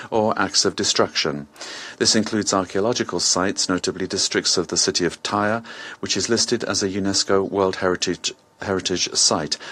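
A man speaking as a live interpreter, carrying a formal speech in a measured, steady delivery. His voice sits low in pitch. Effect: live interpreter voice over a speech. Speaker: simultaneous interpreter.

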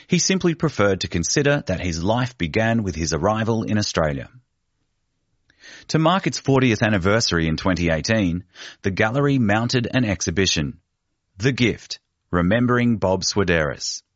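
A man narrates a written feature in a measured, deliberate way, his low voice rising and falling widely. The recording is dry and close, with a slightly dull, muffled tone. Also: big pitch swings, dry recording. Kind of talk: scripted narration of a feature article. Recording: dull, muffled studio read.

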